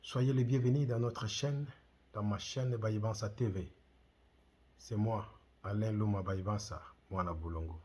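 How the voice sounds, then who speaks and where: This middle-aged Congolese man hosts his own channel and speaks to camera in Congolese-accented French. His voice is lowish, steady and mellow, unhurried, with a little hiss or hum behind it. He comments passionately, firing off one rhetorical question after another.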